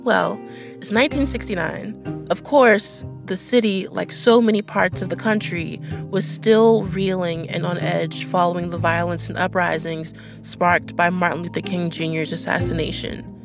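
A woman's voice: on the low side, fairly even intonation, normal speed, creaky, music in the background. A woman hosting a podcast, narrating reported history in a conversational way. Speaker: podcast host.

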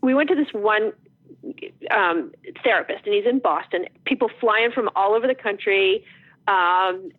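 A middle-aged woman from New Jersey, an author guest telling stories in a lively, animated way with quick restarts. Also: medium pitch, no echo. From New Jersey, USA. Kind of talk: casual interview chat. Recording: tinny phone line, dry.

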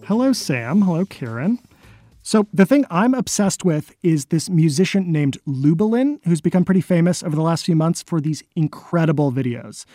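Enthusiastic man with a mellow voice. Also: a little high, lively intonation, moderate pace, dry recording, studio quality, faint music behind. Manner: enthusiastic storytelling. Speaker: podcast producer. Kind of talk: casual chat.

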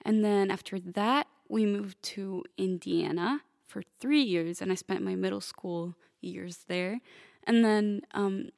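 Teen girl from Italy, interview guest, soft and hesitant, mid pitch, dry close sound. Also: slow pace, vocal fry, no echo. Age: teens. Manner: soft-spoken, hesitant, many fillers. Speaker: young pianist guest. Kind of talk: casual interview answers.

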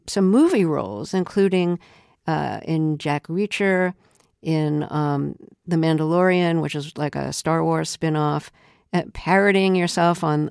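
A woman's voice: low-pitched, vocal fry, a little mellow, dry recording, clean studio sound. A woman with an American accent conducting an interview in a conversational way, feeling her way through her phrases. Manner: hesitant, searching phrasing. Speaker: radio interviewer.

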